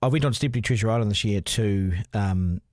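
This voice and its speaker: A man, hosting a casual interview and talking candidly about his own life with gentle teasing. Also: lowish voice, quick pace, no room sound, studio quality. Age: 50s. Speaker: host.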